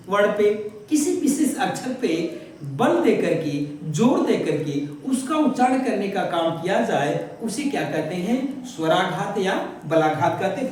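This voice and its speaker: A male teacher walking through an exam paper, asking his own questions and answering them, stretching key words slowly. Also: high-pitched, darkish tone, a little hiss or hum. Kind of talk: exam paper walkthrough lesson. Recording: very echoey room from far off.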